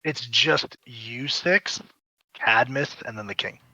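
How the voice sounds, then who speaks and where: A man's voice: mid-range voice, slow pace, bright, forceful tone, no echo. A man narrating a tabletop game as dungeon master and voicing its figures in a grand, courtly way. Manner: plays the king in a grand, courtly way. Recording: dull lo-fi audio with faint music.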